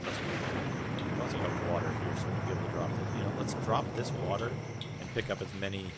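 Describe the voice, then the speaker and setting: A man doing casual live commentary as a game streamer, chatty and jokey, thinking out loud. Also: low voice, brisk, very noisy. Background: loud game music.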